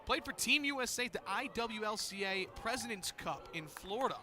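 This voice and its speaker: Calling the action live, the American announcer speaks a little fast, his high voice expressive. Behind his play-by-play you can clearly hear the outdoor sounds of the game and stadium.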